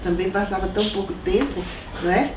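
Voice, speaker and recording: An older woman from Salvador, recalling her family in an oral history interview at an unhurried pace. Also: mid-range voice, recorded from a distance. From Salvador, Brazil. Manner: reminiscing, unhurried, with soft laughs. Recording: echoey room, voice from off mic, faint noise.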